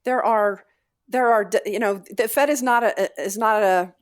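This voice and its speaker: A woman's voice: mid-range voice, moderate pace, clean tone. A woman, a company founder, talking energetically as a guest on an interview podcast and often restarting her sentences. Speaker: guest, founder and CEO of a financial firm.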